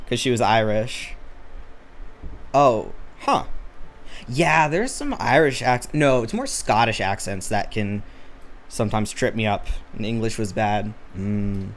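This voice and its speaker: A man's voice: medium pitch, a little hiss or hum. A man streaming live as he draws, chatting casually with his chat and muttering to himself about his work. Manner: chatty, reads and answers chat, mutters to himself while working.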